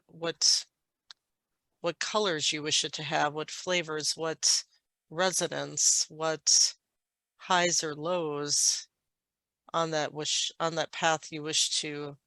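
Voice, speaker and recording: Brief: a woman voicing an otherworldly galactic guide, very slow and deliberate, clear, smooth tone. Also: low-pitched, pushed and bright, dry recording, exaggerated voice. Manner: slow, halting, formal phrasing. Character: galactic being speaking through a channel, calm and unhurried. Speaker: trance channel. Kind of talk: channeled spiritual guidance.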